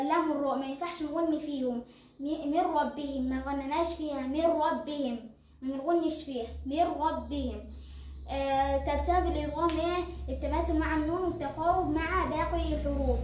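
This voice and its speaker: High young Egyptian girl teaching, roomy echo. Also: a little mellow, a little hiss or hum. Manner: asks and answers her own questions. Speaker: Quran recitation teacher. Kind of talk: explaining tajweed rules.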